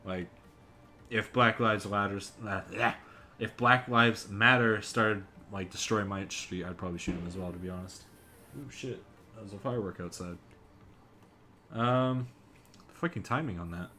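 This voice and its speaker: A man's voice: lowish voice, normal speed, long pauses, bright, forceful tone, a little hiss or hum. A man co-hosting a casual podcast, rambling and swearing while reading news articles aloud. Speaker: podcast co-host.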